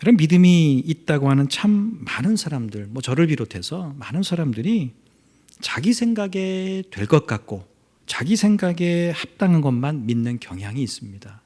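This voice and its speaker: A male pastor giving a midweek prayer service sermon, talking to the congregation, rising to loud emphasis and dropping to near-whispers. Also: on the high side, normal speed. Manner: animated preaching, swings between loud emphasis and near-whispers; conversational, addresses congregation directly.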